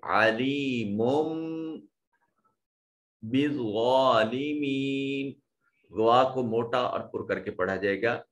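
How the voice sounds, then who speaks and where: A man's voice: medium pitch, a bit bright. A man teaching a tajweed lesson, explaining pronunciation rules step by step and demonstrating the sounds himself. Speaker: Quran teacher.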